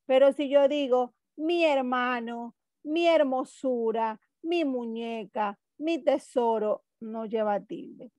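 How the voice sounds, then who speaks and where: Woman teacher, slow deliberate explainer, fairly high voice, dry close mic. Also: a little mellow, no echo. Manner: explains slowly with examples, checks in with "¿ok?". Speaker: Spanish teacher. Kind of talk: online class lesson.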